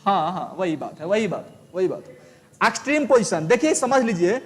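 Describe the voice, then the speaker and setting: Male teacher, very high voice, patient step-by-step explainer, reverberant room. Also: big pitch swings, normal speed. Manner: explains step by step with repeated check questions. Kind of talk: live online lesson.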